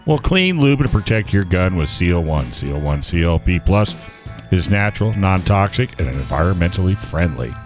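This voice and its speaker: A radio host delivers a chipper sponsor read in a low, animated voice. The man sells in a folksy, upbeat way, with music playing under him. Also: normal speed.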